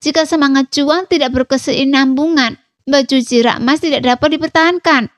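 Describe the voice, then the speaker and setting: A woman reading a fantasy story aloud as narrator, in an even, read-aloud delivery. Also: sits high, fairly quick, dry recording. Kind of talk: scripted narration.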